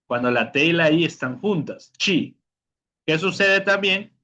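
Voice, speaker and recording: A man's voice: fairly high pitch, expressive, normal speed, pushed and bright, highs cut off. A man teaching a beginner language class, drilling pronunciation, repeating words and checking in with "ok?". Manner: calls on students by name. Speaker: Portuguese teacher.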